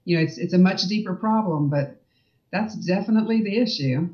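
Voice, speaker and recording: A woman's voice: lowish voice, brisk, mellow. Woman, sales coach, confident, explanatory, off-mic, muffled lo-fi sound. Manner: confident, explanatory, frequent "you know" and "right?". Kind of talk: casual interview chat. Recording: distant, dull remote audio.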